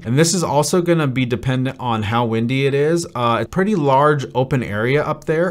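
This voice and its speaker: A man in his thirties speaks to camera as a wedding DJ, upbeat and practical, walking couples through each part of the day. His voice sits at an ordinary middle pitch. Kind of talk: venue overview talk to camera. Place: dim studio set with brick wall.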